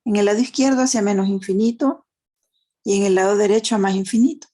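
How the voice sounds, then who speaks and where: Her voice is mid-range and warm, and she talks fast as she teaches math online in a Honduran Spanish accent. Tag questions check that students follow her step-by-step explanations, and she uses diminutives.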